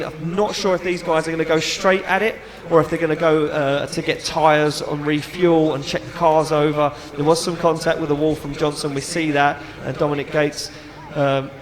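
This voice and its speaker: A middle-aged man doing live motorsport commentary and chat, emphatic and enthusiastic, repeating phrases for effect. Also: fairly high pitch. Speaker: motorsport event commentator and announcer. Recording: crowd noise behind trackside commentary. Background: event crowd.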